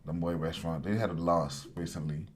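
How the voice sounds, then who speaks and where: Deep-voiced man with a Lowcountry Geechee accent. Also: fairly even intonation, a little fast. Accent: Lowcountry Gullah Geechee. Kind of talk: casual conversation.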